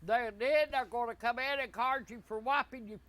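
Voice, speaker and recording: Cursing eighty-year-old granny. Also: male voice, normal speed, pushed and bright. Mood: defiant ranting. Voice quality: shrill cursing old-lady falsetto. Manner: profane, defiant, ranting. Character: foul-mouthed cranky old granny, eighty. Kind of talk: comedic character skit.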